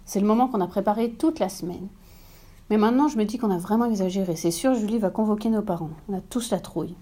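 A woman narrating a children's story in a gentle, steady manner. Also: medium pitch, quick pace. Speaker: reader.

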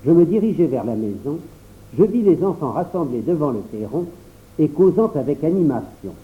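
Brief: male audiobook narrator, expressive storybook telling, higher voice, phone-quality sound. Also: normal speed. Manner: expressive first-person telling, voicing every character. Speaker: audiobook reader. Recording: tinny phone-like recording.

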